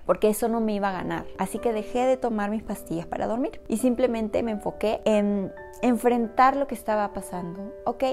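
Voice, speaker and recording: A woman's voice: mid-range voice, a little mellow. A woman vlogger telling her own story straight to the camera, earnest and personal, speaking directly to her viewers. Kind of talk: personal confessional talk to camera.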